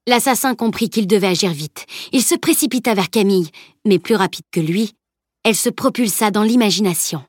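A woman's voice: mid-range voice, a little fast, no echo, studio quality. A woman narrating an audiobook with a tense, dramatic reading.

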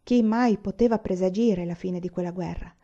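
Brief: woman reader of literary fiction, measured and warm-toned. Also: on the low side, lo-fi sound. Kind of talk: reading a novel aloud.

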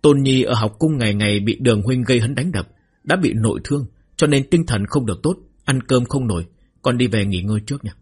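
A man's voice: mid-range voice, brisk, darkish tone, husky, lightly acted. A man voicing a plump, wily young nobleman who speaks in a formal, guarded way.

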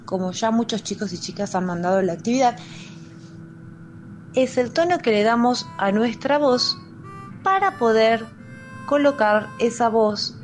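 A woman with an Argentine accent, a music teacher giving a patient, step-by-step explanation on school radio, often pausing with fillers. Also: on the high side, lively intonation.

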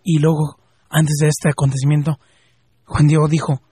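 Fervent Mexican man, husky voice. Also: a little high, little pitch movement, warm tone, dry recording. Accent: Mexican Spanish, from Jalisco. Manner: fervent, rising to emphatic questions, then slow and drawn out. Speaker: radio host.

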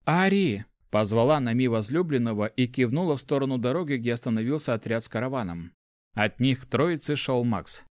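A man narrating an audiobook in a lively, expressive way. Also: mid-range voice, fairly quick, no echo, studio quality. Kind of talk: scripted narration.

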